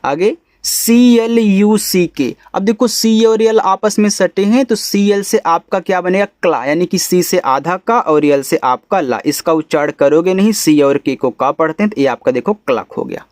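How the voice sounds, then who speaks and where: A man teaching English phonics to beginners, spelling letters out slowly and then saying each word lower. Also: no room sound, studio quality. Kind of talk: phonics lesson explanation.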